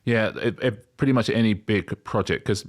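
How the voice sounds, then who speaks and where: A man's voice: lowish voice, normal speed. A middle-aged man co-hosting a podcast, chatting casually and wryly, rambling with frequent restarts. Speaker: podcast co-host. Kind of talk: casual chat.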